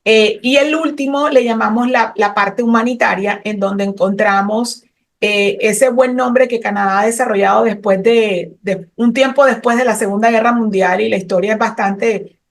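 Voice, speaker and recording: A middle-aged Colombian woman speaks in an interview, explaining immigration law with passion and technical detail while often hesitating with fillers. Her voice sits a little high, her tone stays steady, and she talks at a normal speed.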